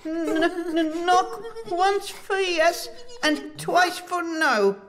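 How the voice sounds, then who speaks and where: Very high-pitched plucky piglet. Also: female voice, extremely slow, a bit bright, exaggerated voice. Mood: nervous. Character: plucky bossy cartoon piglet entertainer. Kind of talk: cartoon voice acting.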